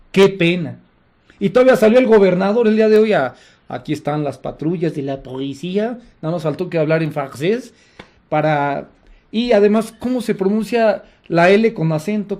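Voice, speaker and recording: A middle-aged man with a Mexican accent hosts a political commentary, his voice sitting high for a man. He talks in a sarcastic, indignant way, mocking what he criticizes. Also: a little mellow. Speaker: host.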